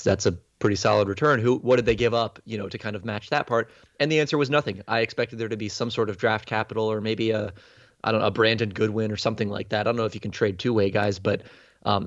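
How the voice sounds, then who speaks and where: A man talks quickly and casually as a sports podcast guest. His voice is a little frail, with a touch of vocal fry. The recording sounds slightly dull. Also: on the low side, no echo. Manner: rambling, conversational retelling.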